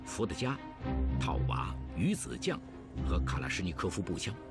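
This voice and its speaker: A man narrates a documentary from a script, serious and measured. His voice sits fairly low and moves expressively in pitch, with loud music behind it. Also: sing-song. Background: loud background music.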